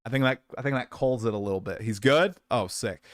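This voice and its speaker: Coming down with a cold, this streamer host in his late twenties keeps things casual, chatty and self-deprecating. He speaks fairly quickly at medium pitch, recorded in clean studio sound without room noise.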